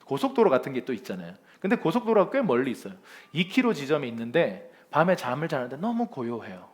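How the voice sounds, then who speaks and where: Animated male pastor preaching to a congregation. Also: medium pitch, quick pace. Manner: lively, conversational preaching that acts out complaints; chuckles often while speaking. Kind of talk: Sunday sermon. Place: church sanctuary with a congregation.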